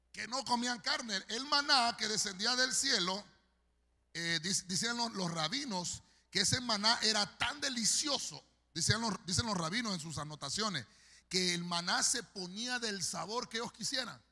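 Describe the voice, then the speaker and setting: A man preaches a fervent, story-driven sermon, calling out to his congregation as brothers. His voice sits high and swoops widely, with a bright, husky and gravelly edge. Long reverb from the church hall trails every phrase. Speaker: pastor.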